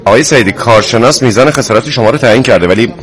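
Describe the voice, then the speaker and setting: A man's voice: mid-range voice, music in the background, natural voice. An actor playing a defensive male insurance clerk who argues with clients, in a TV drama. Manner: defensive, argumentative.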